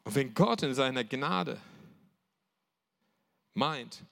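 A man's voice: mid-range voice, animated, drawn-out words, creaky, bright, forceful tone. A man preaching a sermon to a church gathering, speaking emphatically and repeating key phrases.

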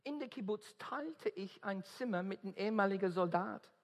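At normal speed and with animation, a high-voiced Australian man preaches an earnest, emphatic evangelistic sermon in German, often searching for words since English is his first language. The hall gives a long reverb.

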